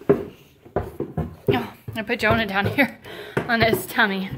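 A woman's voice: high voice, fairly bright tone. A woman in her thirties, a mother chatting casually to the camera and her children in her home. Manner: cooing, playful baby talk with her children. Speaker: vlogger and mother of three. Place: family home. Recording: home video with background noise.

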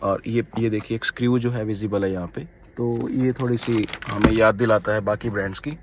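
A man in his thirties with a slightly hoarse throat, giving a casual spoken review of his new car from inside it and talking to viewers as friends. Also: lowish voice, fairly even intonation, fairly quick, background noise. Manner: chatty, mixes English phrases into his talk, addresses viewers as friends.

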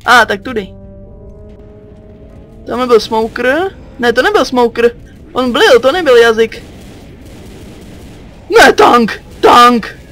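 A man's voice: extremely high pitch, lively intonation, pauses often, a bit bright, soft background music. A teenage boy from Czechia giving let's play commentary, jumpy, yelping and cursing at enemies. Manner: jumpy, yelps and curses at enemies. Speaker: gaming channel host.

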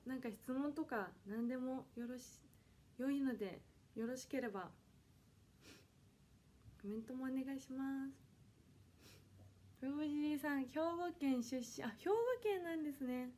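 A woman's voice: high voice, unhurried, long pauses, darkish tone, slight background noise. A woman of twenty from Kanagawa chatting politely on a solo livestream from home, reading viewer comments aloud and apologizing often. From Kanagawa, Japan. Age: 20s. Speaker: idol audition livestreamer. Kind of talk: casual solo livestream chat. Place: her home, indoors.

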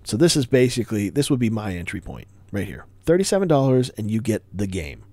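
A man's voice: lowish voice, very animated, a little fast, mellow, no room sound. A man giving a casual board game review, rambling with wry asides and breaking off mid-thought.

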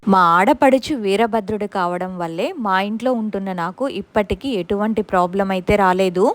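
A woman's voice: medium pitch, brisk, dry recording. A woman narrating a first-person ghost story in an earnest, conversational way.

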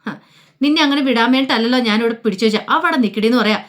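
A woman's voice: fairly high pitch, racing, fairly bright tone, close to an everyday voice. A woman voicing a sneering young male villain. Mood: taunting. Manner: sneering, taunting threats. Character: menacing young male villain, taunting and cruel.

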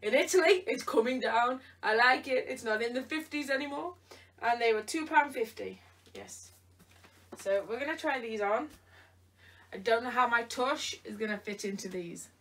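In this try-on vlog, a tired woman teases someone off camera in a playful way, her slightly high, somewhat bright voice moving at normal speed. She's in her bedroom, picked up from a distance by a camera across the room.

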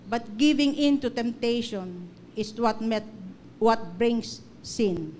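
A woman's voice: a little high, takes it slowly, a little mellow, slight background noise. A middle-aged woman preacher giving an earnest sermon, telling personal stories and slipping English phrases into her talk.

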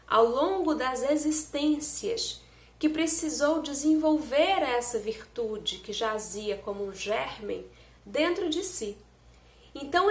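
A young woman giving an online spiritist lecture, explaining earnestly and addressing viewers directly, filmed close on a phone indoors. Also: sits high. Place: indoor room at home. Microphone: phone camera close up. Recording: roomy echo.

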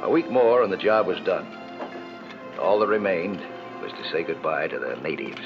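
A calm diver narrator with a very deep voice that still moves a lot in pitch. His voice-over is measured. Loud music runs under the dull, lo-fi old TV sound. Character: adult male diver narrating his own story. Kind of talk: scripted first-person voice-over narration.

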